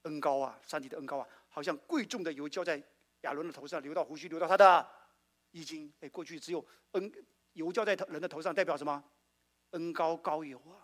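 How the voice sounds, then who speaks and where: A male pastor preaching a sermon, asking his congregation questions and swinging between loud exclamations and quiet asides. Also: fairly high pitch, a little fast. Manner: call-and-response preaching, asks the congregation questions.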